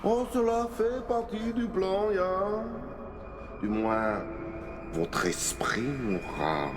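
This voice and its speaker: A man voicing a scheming male mind-controlling villain in a cartoon, slow and menacing with sudden shouts. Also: sits high, sing-song, full character voice. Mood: gloating. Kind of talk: cartoon dub acting. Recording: roomy echo with music underneath.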